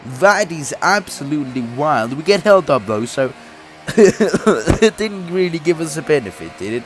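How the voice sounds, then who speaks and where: With music in the background, a young man speaks a little slowly in a very animated, high-leaning voice. The gaming YouTuber says he's sick and sounds a bit off, laughing often and restarting sentences as he chats through his career race in a racing game.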